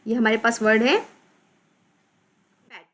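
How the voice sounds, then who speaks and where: A woman teacher with a Pakistani accent talks through a children's English lesson in a slightly high voice. She reads each English word very slowly, repeats it, then spells it out letter by letter. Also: fairly bright tone. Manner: slow, drawn-out reading of English words, repeating and spelling them out. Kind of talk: explaining a textbook lesson in Urdu and English.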